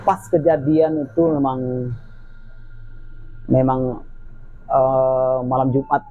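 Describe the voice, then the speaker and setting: On a dull, lo-fi recording with faint noise, a man shares a spooky experience from his own life as a guest in casual chat. He speaks slowly in a mid-range voice, giving a lively retelling and acting out each quoted voice.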